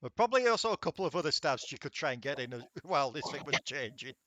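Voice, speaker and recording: Give me a dungeon master signing off, casual and swearing, with a dry close sound. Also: male voice, a little high, very animated, quick pace, sharp tone, no room sound, muffled recording. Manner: laughing, swearing, rambling. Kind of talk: casual chat at end of a tabletop game session.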